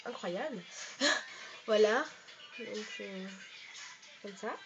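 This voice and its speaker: A woman's voice: medium pitch, extremely slow, highs cut off, noisy background. A woman in her bedroom giving a casual show-and-tell of her toy collection, chatty and full of hesitations as she reels off prices.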